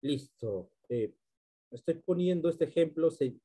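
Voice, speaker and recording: A man's voice: on the high side, lively intonation, a little slow, warm tone, breathy edge. A male teacher giving a literature class, explaining step by step and often checking in with his students.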